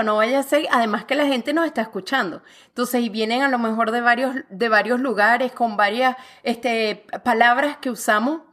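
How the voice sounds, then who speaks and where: A woman from Venezuela with a Venezuelan accent, speaking as a guest in a relaxed, expressive conversation. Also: fairly high pitch. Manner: lively, expressive, talks with her hands. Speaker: guest author. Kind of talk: casual conversation. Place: lives in Canada.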